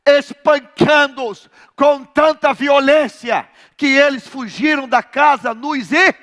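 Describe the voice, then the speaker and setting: High, bright-voiced preaching man from Brazil. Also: takes it slowly. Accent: Rio de Janeiro Portuguese. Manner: dramatic storytelling, swinging from shouts to near-whispers. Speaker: pastor. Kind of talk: sermon. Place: large church.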